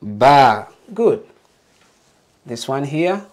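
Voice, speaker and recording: A man's voice: a little high, unhurried, a little mellow. A man teaching a beginner alphabet lesson, patiently modeling letter sounds and encouraging learners to repeat.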